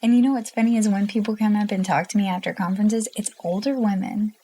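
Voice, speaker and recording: A woman's voice: mid-range voice, fairly even intonation, quick pace, dark tone. A woman guest in an interview, telling her story in an earnest, emotional way and laughing often. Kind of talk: candid personal interview.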